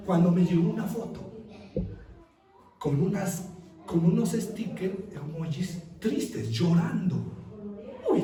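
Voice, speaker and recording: A male pastor preaching a sermon, telling a funny personal story in an animated way. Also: high-pitched. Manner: animated storyteller, audience laughing along. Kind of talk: sermon with humorous personal anecdote. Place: church hall. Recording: echoey church from far off with congregation.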